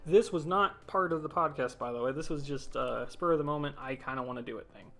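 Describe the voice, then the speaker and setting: A man's voice: a little high, fast talker, bright, forceful tone, faint music behind. Rambling, self-correcting male podcast host. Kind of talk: casual solo podcast talk.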